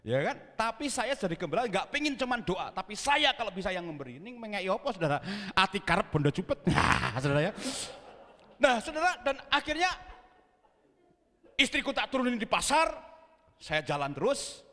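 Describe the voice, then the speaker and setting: Javanese-accented pastor, bright sharp voice, big echoey church sound, tells stories. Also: male voice, high voice, big pitch swings, moderate pace. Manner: storytelling, mixing in Javanese, acting out scenes with sound words. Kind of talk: sermon. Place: church hall. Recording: long reverb of a church hall.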